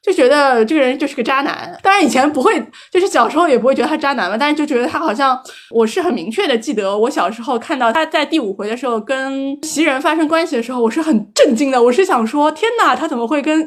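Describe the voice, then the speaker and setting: A woman co-hosting a podcast talks about rereading a classic in a bright, high voice. She speaks fast and chatty, circling back and restarting her thoughts as she goes. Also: expressive. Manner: quick, chatty, thinks aloud with frequent restarts. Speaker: podcast host. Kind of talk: casual book chat.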